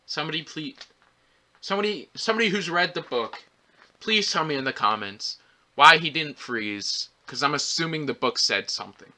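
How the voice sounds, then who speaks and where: A man's voice: a little high, lively intonation, normal speed, bright, forceful tone. A man giving a movie commentary, ranting in an exasperated, repetitive way. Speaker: movie reviewer.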